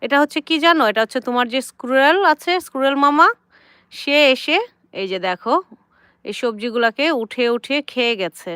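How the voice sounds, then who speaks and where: A chatty woman in her thirties vlogs from her garden, her voice bright and crisp. She is close to the mic with a dry, roomless sound, gently coaxing her kids and turning to speak to her viewers. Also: sits high, moderate pace, no room sound. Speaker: vlogger and mother. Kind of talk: casual garden vlog chat. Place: home garden outdoors, sitting with tea.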